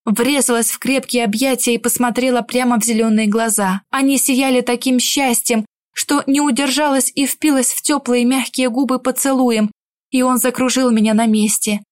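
A woman narrates a fantasy romance novel in the first person. Her voice sits somewhat high, and she reads with expressive, emotional shading. The delivery is scripted and steady. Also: moderate pace, dry recording, clean studio sound. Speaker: audiobook narrator.

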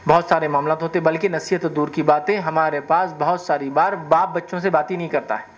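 A man preaching a sermon, lively and often checking with the audience whether they follow. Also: fairly high pitch. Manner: animated, questions the audience.

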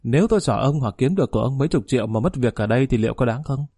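A man's voice: medium pitch, lively intonation, very fast, dark tone, breathy edge, dry recording, studio quality. A man voicing a shrewd, bullying middle-aged male security chief who talks bluntly and gives orders. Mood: scheming.

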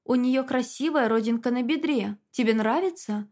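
A woman's voice: on the high side, normal speed, darkish tone, close to an everyday voice. A woman reading a taunting sadistic villain. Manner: taunting, mocking. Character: menacing sadistic male ex-husband, a gloating villain. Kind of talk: audiobook reading.

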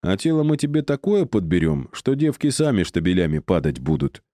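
Male reader playing a glib young clerk pitched up high, flattering and pushy. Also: dry recording, clean studio sound, close to an everyday voice. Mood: wheedling. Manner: flattering, wheedling, quick to bargain.

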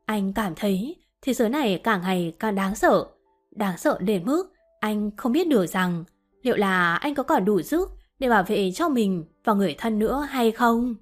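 A woman reading a romance novel aloud as an audiobook narrator, gently voicing both lovers' lines. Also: mid-range voice, lively intonation, normal speed, soft background music.

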